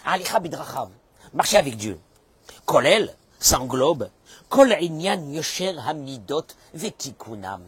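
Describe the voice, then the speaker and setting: A man, a rabbi, giving a sermon, swinging between hushed asides and loud outbursts. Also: a little high, very animated, unhurried, breathy edge.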